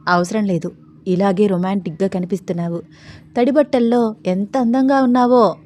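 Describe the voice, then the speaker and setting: A playful young husband in a romantic audio story, coaxing and teasing in a soft, close voice. A woman voices him in her own plain tone. The talk stays intimate and gentle. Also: mid-range voice, steady tone, moderate pace, a little hiss or hum, lightly acted.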